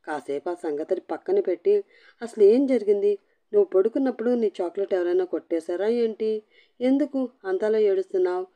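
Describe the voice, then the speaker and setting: A woman's voice: mid-range voice, animated, fairly quick, close to an everyday voice. A woman voicing an exasperated young husband who snaps and teases sarcastically. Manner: teasing, yelling.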